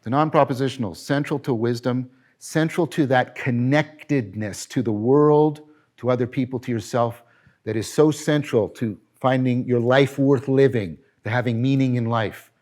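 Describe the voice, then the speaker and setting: A man's voice: medium pitch, moderate pace. Emphatic man lecturing on philosophy. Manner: animated, emphatic, frequent self-corrections and rhetorical questions.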